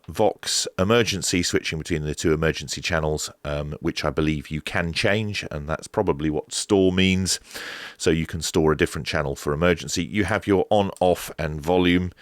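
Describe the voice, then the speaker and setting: A low-voiced man gives a casual, unscripted unboxing review as a radio gadget reviewer, explaining things hesitantly as he goes. The recording is studio quality with no room sound.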